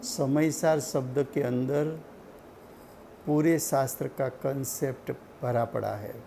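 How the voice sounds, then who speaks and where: A man giving a slow, deliberate religious study lecture, repeating key points for his listeners. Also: mid-range voice, fairly even intonation, gravelly, warm tone, slight background noise. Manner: slow, deliberate teaching with repetition. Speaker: scripture teacher.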